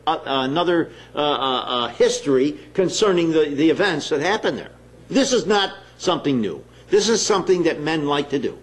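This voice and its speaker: A man preaching a sermon in a slow, deliberate, emphatic way, pausing between phrases. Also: high-pitched.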